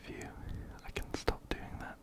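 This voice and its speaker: Playing through a game for ASMR, a man whispers gently and close to the microphone, which is a binaural setup capturing ear to ear. He streams games and makes ASMR content, and he moves slowly, reading in-game dialogue aloud and repeating phrases.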